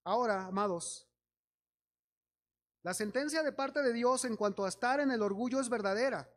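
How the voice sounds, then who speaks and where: Speaking at normal speed in an extremely high pitch, a Mexican-accented man delivers a sermon full of stories in which he acts out the people's voices. He addresses his congregation as brothers while exhorting them.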